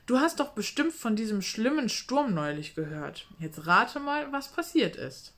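A woman's voice: a little high, very animated, unhurried, fairly bright tone, voice pushed up, full character voice. A woman voicing a bubbly schoolgirl who chats eagerly and giggles with her best friend. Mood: excited.

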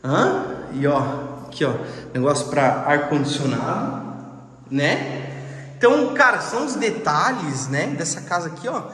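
A man's voice: a little high, big pitch swings, unhurried, a bit bright. A man giving a casual, slangy house tour, chatting to viewers and pointing out details as he walks through an empty house. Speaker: real estate video host. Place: empty house with bare hard floors. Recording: echoey empty rooms, long reverb.

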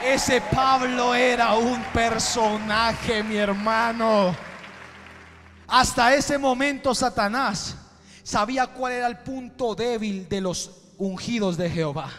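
A man preaching a sermon as pastor, moving between hushed passages and fervent shouting. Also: very high voice, slow, a faint crowd. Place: church. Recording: reverberant hall with music underneath.

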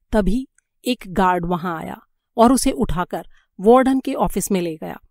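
A woman reading a story aloud as an audiobook narrator, with measured, expressive storytelling. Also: medium pitch, no room sound, clean studio sound.

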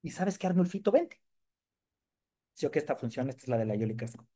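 A man's voice: on the high side, fast, breathy edge. A man leading a live sales training demonstration, joking with and quizzing his audience. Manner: lively, jokes and quizzes the audience.

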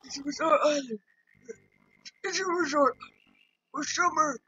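Woman putting on a high-pitched very old man tortoise. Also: measured pace, bright, forceful tone. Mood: smug, friendly. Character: very old male tortoise, chatty retired mayor. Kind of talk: reading game dialogue aloud in character. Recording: dull lo-fi audio.

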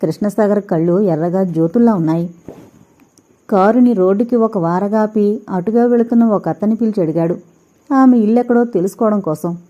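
A woman reading a novel aloud as an audiobook narrator, with steady, expressive storytelling. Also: mid-range voice, fairly quick. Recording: dull lo-fi recording.

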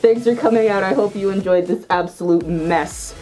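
A woman's voice: medium pitch, normal speed, mellow, faint music behind, rough recording. A woman hosting a casual chat, giggling and teasing while she talks through a fursuit head. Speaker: host.

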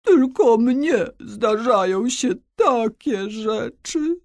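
A theatrical little vampire boy, put on by a woman reading a storybook, booming and stretching every word at a crawl. His pitch leaps about in a lively sing-song, a touch high, with a dry, close sound. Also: no echo, heavily acted. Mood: sulky. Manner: loud, drawn-out, booming delivery. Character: little male vampire, theatrical, menacing, sulky.

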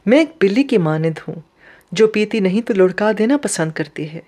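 A woman's voice: mid-range voice, animated, darkish tone, close to an everyday voice. A woman voicing a proud but wounded young woman who pleads emotionally with a friend. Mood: bittersweet. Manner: emotional, impassioned questioning.

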